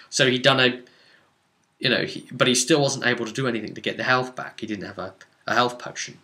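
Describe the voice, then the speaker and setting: Speaking at medium pitch, this game master tells the story of a tabletop RPG session in a loose, lively way, hitting certain points hard before trailing away.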